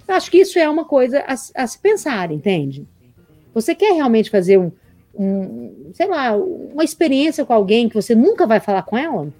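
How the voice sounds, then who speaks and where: A woman speaks in casual conversation, her pitch swinging widely as she tells animated stories. Her tone is mellow and warm, and she acts out each side of the dialogue. The recording is dry and close, with faint music behind her. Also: dry recording. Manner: animated storyteller, acts out both sides of dialogues. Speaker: mentor sharing her experience.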